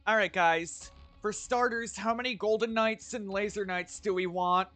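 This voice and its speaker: A man's voice: sits high, steady tone, moderate pace, sharp tone, faint music behind. A man streaming a game, chatting loosely with his viewers and swearing casually as he sets up battles. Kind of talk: casual gameplay commentary.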